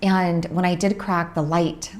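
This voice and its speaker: In a steady, somewhat dark voice on the lower side, a young Orange County woman hosts an easygoing talk about her spiritual work, unhurried and full of reflective pauses.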